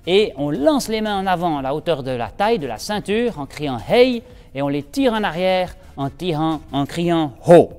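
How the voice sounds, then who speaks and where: A man teaching an aikido class, guiding breathing with calm, steady cues and giving brisk instructions. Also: a little high, smooth, long reverb tail, soft background music. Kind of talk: instructional demonstration.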